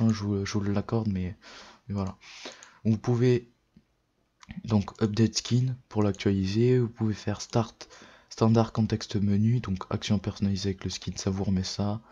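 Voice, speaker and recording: A man's voice: fairly low pitch, dark tone, breathy edge, lo-fi sound. A tired man giving a casual, hesitant computer tutorial, full of fillers and self-corrections. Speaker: tech tutorial youtuber. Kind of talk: casual screen-recorded tutorial.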